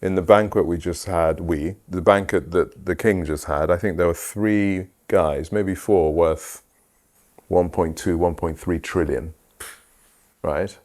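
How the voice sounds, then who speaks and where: A man's voice: sits low, steady tone, unhurried, a little mellow. A man speaking passionately and emphatically in a casual conversation, often asking "right?". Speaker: host, photographer.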